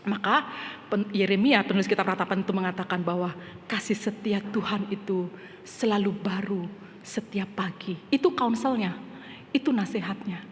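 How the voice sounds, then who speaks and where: A middle-aged woman pastor from Indonesia preaching a sermon, telling a personal story and rising to loud, emphatic passages, mixing English phrases into her speech. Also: medium pitch, moderate pace. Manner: storytelling, swells to loud emphatic preaching, drops to soft asides. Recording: long hall reverb with faint background noise.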